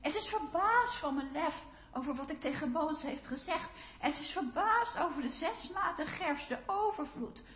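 A woman's voice: high-pitched, animated, normal speed, hardly any pauses, a bit bright, voice pushed up. A woman preacher voicing Ruth, a young widow, telling her own story in first person during a first-person sermon monologue. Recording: roomy, slightly dull sound.

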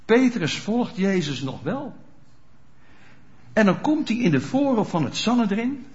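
A man's voice: high voice, sing-song, unhurried, a little mellow. A man preaching a sermon in a conversational way, often checking whether listeners are following, in a dull lo-fi recording. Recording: dull lo-fi sound.

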